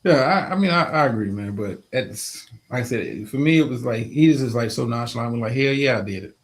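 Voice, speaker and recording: Gravelly man in blunt live-stream chat. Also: mid-range voice, animated, fairly quick, low-quality recording. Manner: blunt, profane commentary addressed to viewers. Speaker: stream co-host. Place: home.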